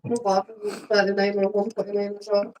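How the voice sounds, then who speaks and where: A woman's voice: mid-range voice, level tone, a little fast, warm tone. A woman teasing and giggling during a casual chat.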